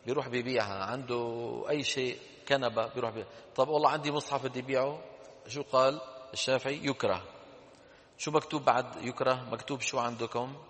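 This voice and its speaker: A man reading a classical text aloud to a class, slowly dictating corrections and quizzing his students. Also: mid-range voice, steady tone, a bit bright, big-room sound. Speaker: teacher.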